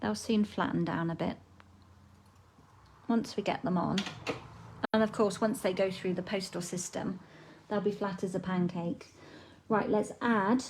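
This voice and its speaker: A woman's voice: medium pitch, unhurried, a little hiss or hum, poor audio. Chatty woman demonstrating crafts. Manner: chatty, relaxed, talks while working. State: frog in the throat. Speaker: papercraft demonstrator. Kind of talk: live craft tutorial.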